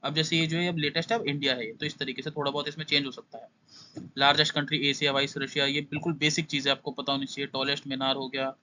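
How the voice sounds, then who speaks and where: A man's voice: medium pitch, level tone, fast talker, pushed and bright, dull audio, a little hiss or hum. A young man giving a casual exam-prep lesson, skimming through points and repeating what students must know.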